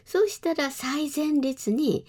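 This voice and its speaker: A woman's voice: high-pitched, slow pace, darkish tone. A woman cram school teacher speaking politely and formally as a guest on a radio talk program.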